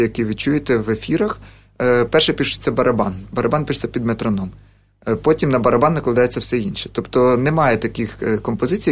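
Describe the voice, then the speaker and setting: A man, a folk music researcher, explaining things in a radio interview with many fillers and restarts. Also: medium pitch.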